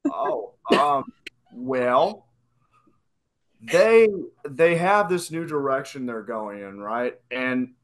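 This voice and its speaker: A man's voice: mid-range voice, animated, drawn-out words, pauses often. A man guesting on a casual fan podcast, laid-back and hesitant with frequent ums.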